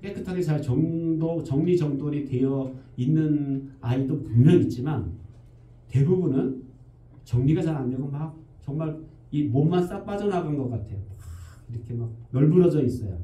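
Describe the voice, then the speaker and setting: A man's voice: a little high, normal speed, dark tone. Man preaching in a roomy church. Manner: conversational preaching with everyday examples and acted quotes. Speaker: pastor. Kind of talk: sermon. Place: church sanctuary. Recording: roomy church hall, distant mic.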